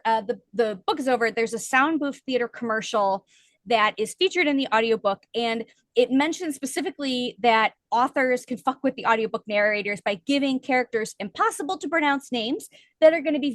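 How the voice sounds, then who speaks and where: Woman, high pitch, dry close sound, casual podcast chat, emphatic explaining. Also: no echo. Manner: explains at length, lively and emphatic. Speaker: podcast co-host. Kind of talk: casual book-discussion chat.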